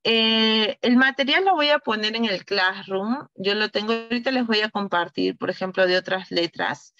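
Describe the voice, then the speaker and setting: A woman's voice: mid-range voice, sharp tone, no room sound, highs cut off. A woman teacher giving an online class, patiently demonstrating and often checking in with her listeners. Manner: patient, repeats words slowly and checks in with "¿no?". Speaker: teacher trainer.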